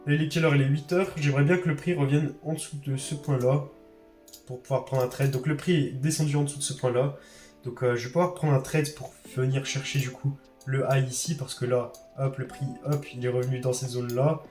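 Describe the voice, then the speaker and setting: A young man in his late teens chats loosely as he works through trading charts, full of fillers and self-mocking asides. His voice sits at an ordinary pitch and rings in a roomy space. Faint guitar music plays behind him. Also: steady tone, fairly quick, darkish tone. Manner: rambling, self-deprecating, many fillers. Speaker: trading vlogger. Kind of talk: casual chat while backtesting charts.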